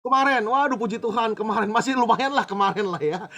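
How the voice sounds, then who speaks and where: A man preaching as a pastor in a lively sermon, bantering with the audience and reading a letter aloud. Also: high voice, fast.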